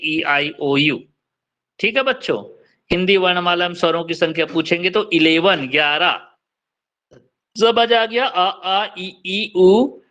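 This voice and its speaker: A man teaching Hindi grammar in an online class, slowly drilling letter sounds and quizzing his students. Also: high voice, pushed and bright.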